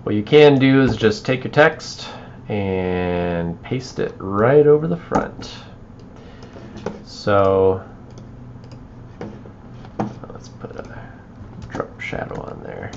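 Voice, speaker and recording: A man walking viewers through a video edit on a livestream, thinking aloud and trailing off into quiet mutters as he works. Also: on the low side, big pitch swings, extremely slow, vocal fry, pauses often, muffled recording, a little hiss or hum. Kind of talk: live editing walkthrough.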